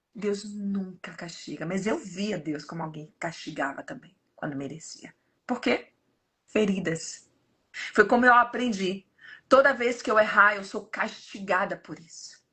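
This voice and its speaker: Speaking at a moderate pace in a husky, medium-pitched voice, a Brazilian Portuguese–accented woman in her fifties delivers an informal devotional talk. She's animated and keeps turning to the audience as "gente".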